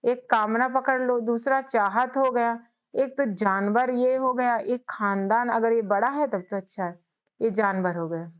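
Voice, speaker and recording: A woman runs a spelling lesson and spells each word out one letter at a time. Her voice sits a little high. The recording sounds dull and lo-fi. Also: fairly even intonation, clean tone. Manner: slow spelling out of letters, repeating words. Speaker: English teacher, channel host.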